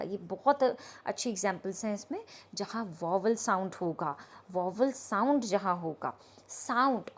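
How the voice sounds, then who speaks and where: Woman teacher, slightly high pitch, patient step-by-step grammar explanation. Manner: explains slowly, asks the class if they understood. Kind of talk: grammar lesson.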